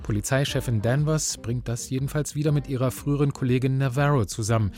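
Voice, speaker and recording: A man of middling pitch reads a scripted review for radio in standard German. He sounds like a culture reporter, with faint music underneath. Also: fast talker, a little mellow.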